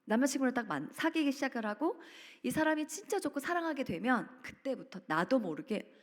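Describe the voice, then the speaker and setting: A woman with a high-pitched, lively voice speaks a little fast as she dramatically recounts a story at a church family seminar, her voice leaping suddenly as she acts out quotes. It was recorded in a reverberant church retreat center hall.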